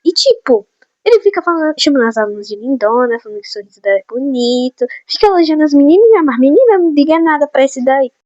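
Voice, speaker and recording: A teenage girl telling school gossip to her viewers in a chatty, animated way, on a phone mic in a small room. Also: high voice, fast, dry recording, dull audio. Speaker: vlogger. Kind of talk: casual gossip storytime. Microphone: phone or headset mic.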